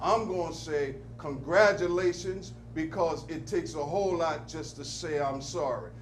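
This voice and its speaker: A man delivering preacher-style commentary on local affairs, with an emphatic call-and-response cadence that surges to loud peaks. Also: fairly high pitch, a little slow, slight background noise.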